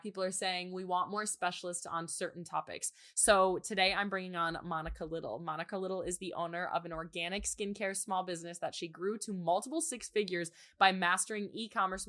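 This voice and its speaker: A woman hosting a podcast in a chatty, bubbly, informal way, with a slightly raspy, nasal voice. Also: fairly low pitch, sharp tone. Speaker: podcast host and business coach. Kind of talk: chatty conversational podcast intro and interview. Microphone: close podcast microphone, dry sound.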